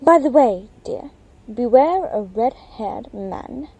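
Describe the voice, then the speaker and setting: Woman as high, airy mystic divination professor. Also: expressive, dark tone, breathy edge, heavily acted, poor audio. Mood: ominous, airy. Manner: dramatic, portentous, drawn-out delivery. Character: airy, theatrical, mystical female divination professor foretelling doom.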